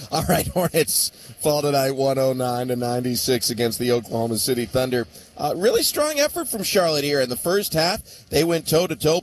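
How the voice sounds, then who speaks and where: An upbeat male radio host rattles off game stats with easy humor. He keeps it quick and chatty, voice set at an ordinary middle pitch. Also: a little hiss or hum. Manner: upbeat, joking, quick stat-heavy delivery. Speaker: radio post-game host and play-by-play announcer. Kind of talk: sports radio box score recap.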